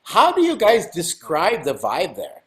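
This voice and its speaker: A middle-aged man hosting a casual interview over a video call from home, animated and joking, laughing often. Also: sits high, a little slow. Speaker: podcast host. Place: home room indoors. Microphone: video call webcam.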